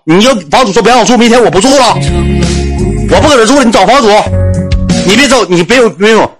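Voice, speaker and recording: A man with a Northeastern Chinese accent voicing a loud, belligerent drunk fat man who argues with a neighbor. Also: sits high, expressive, quick pace, music in the background, pitched above the performer's own voice. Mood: indignant. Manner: shouting, argumentative.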